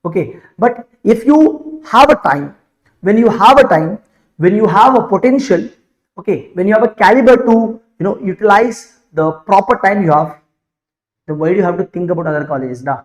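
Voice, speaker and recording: South indian guy teacher, really fast, highish voice, motivational exam coaching, keeps asking students questions. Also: expressive, rough recording. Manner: emphatic, repetitive, addresses students directly with rhetorical questions. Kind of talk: live motivational lesson to students.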